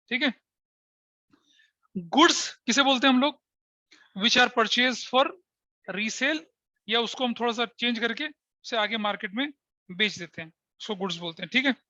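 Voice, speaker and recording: A man's voice: very high-pitched, pushed and bright, no room sound, highs cut off. A male accounting teacher giving a classroom lecture, explaining terms by asking questions and answering them himself, slipping into English phrases.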